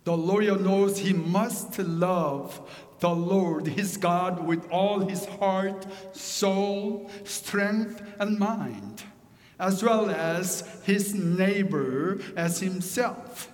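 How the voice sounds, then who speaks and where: Preaching in a high voice, this middle-aged man is a pastor whose native tongue is Korean, and his accent shows it. His delivery is slow and deliberate, peppered with jokes, and each phrase trails off into a long reverb tail.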